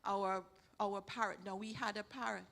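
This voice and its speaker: A woman's voice: mid-range voice, fairly even intonation, normal speed, gravelly, a bit bright. A woman leading church announcements, thanking helpers in a chatty way with many restarts. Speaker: church program leader. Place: church hall.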